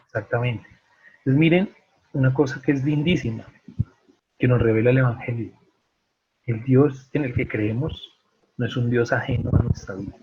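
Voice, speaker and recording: Husky man teaching a Bible study. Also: mid-range voice, moderate pace, long pauses, dull audio. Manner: animated, asks the group questions.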